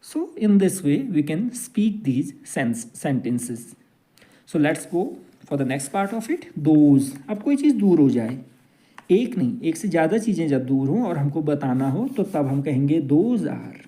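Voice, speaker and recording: A man's voice: on the high side, very animated, mellow. A man teaching an English grammar lesson, drawing out each example sentence. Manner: slow, drawn-out example sentences.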